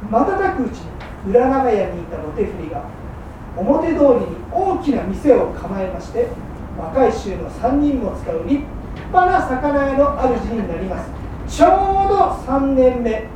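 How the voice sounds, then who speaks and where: Woman storyteller, measured formal narration, high voice; distant hall echo. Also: very animated. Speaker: rakugo storyteller. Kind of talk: traditional comic storytelling narration. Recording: roomy hall from far off, faint hum.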